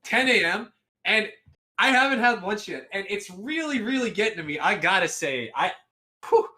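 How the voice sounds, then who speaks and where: A young man casting a live esports match, rambling in a playful, excitable way between games. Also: high-pitched, moderate pace. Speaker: esports caster. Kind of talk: casual live game commentary.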